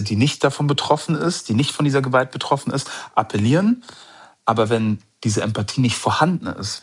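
A man with a husky, slightly breathy voice talks through his thoughts as an interview guest. He searches for words and leans on casual fillers. He sounds reflective and relaxed. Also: mid-range voice. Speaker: author and journalist, interview guest. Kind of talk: conversational interview.

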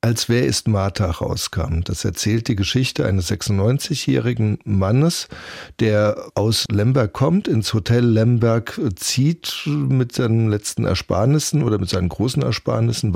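A man's voice: mid-range voice, gravelly, darkish tone, no echo, studio quality. A man interviewing an author, probing and thinking aloud as he asks his questions. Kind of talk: interview conversation.

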